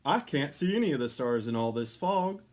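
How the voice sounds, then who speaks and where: A man voicing a jolly old Santa Claus with a booming, hearty delivery for a children's storybook. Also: lively intonation, normal speed, darkish tone, natural voice. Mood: hearty, blustering. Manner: hearty, exclamatory. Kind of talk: children's storybook read-aloud.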